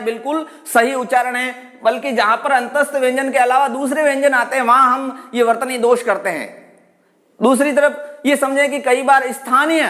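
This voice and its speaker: A man with a strikingly high voice teaches pronunciation in a patient, explanatory way. He sounds out example words slowly to demonstrate each rule. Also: fairly bright tone. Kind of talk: spoken lesson on pronunciation.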